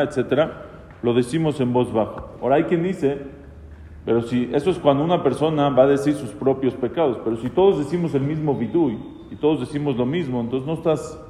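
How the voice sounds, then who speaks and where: A man's voice: mid-range voice, warm tone, a little hiss or hum. A man, a rabbi, explaining Hebrew texts in a class and putting questions to his listeners. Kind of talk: Torah class. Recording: echoey room, long reverb.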